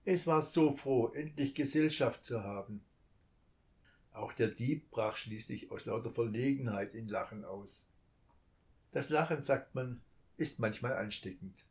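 A man narrating a children's story in a calm, measured reading. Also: mid-range voice.

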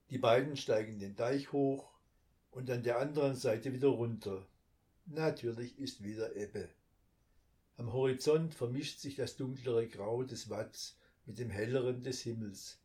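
Slow, careful male storybook reader. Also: medium pitch, mellow. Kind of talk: storybook reading.

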